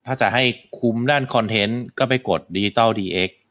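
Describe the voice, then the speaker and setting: A man with a mid-range, fairly bright voice hosts a casual video game podcast at a moderate pace, with no echo. He rambles through the game discussion, full of fillers and restarts.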